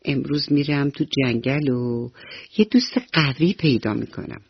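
A woman's voice: rumbling low, breathy edge, dry recording, pitched below the performer's own voice, heavily acted. A woman voicing a curious little boy mouse in a children's radio story, who talks in an eager, earnest and questioning way. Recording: slightly dull radio recording with soft music.

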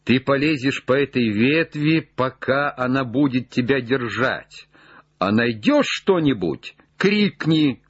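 Man doing an excitable obsessed gentleman, urgent and commanding, husky, dry sound. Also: mid-range voice, takes it slowly, no echo, lo-fi sound. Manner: urgent, raised, breaking with excitement.

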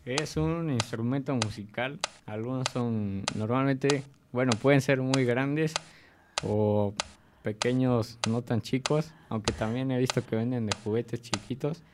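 A man's voice: medium pitch, a little slow, background noise. A man who is a guest on a children's radio show, describing a mystery word for a guessing game and searching for his words.

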